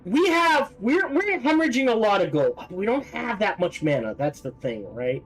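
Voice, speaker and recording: Animated game streamer thinking aloud. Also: mid-range voice, moderate pace, low-quality recording. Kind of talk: casual gameplay commentary, thinking aloud.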